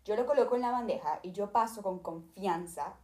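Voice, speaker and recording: A young woman with a Venezuelan accent tells her story straight into a desk microphone. She retells it dramatically and acts out the people involved. Her voice sits in a middle pitch and the room around her sounds echoey. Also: expressive, a little fast, darkish tone. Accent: Venezuelan Spanish. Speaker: YouTuber. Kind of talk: storytime vlog.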